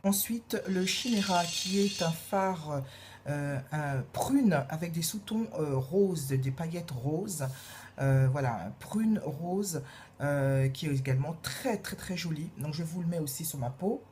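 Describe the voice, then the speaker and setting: A woman reviewing makeup in a casual, gushing way, repeating her praise and filling pauses with hesitations. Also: sits low, lively intonation, a little mellow, slight background noise. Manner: gushing, repeats praise words, many fillers. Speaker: beauty vlogger.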